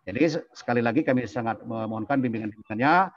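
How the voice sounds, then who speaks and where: A man's voice: mid-range voice, lo-fi sound. Man on breaking-up video-call audio. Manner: polite and halting, with restarts. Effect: choppy video-call audio that keeps breaking up. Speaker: school representative giving welcome remarks. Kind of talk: formal remarks in an online video meeting.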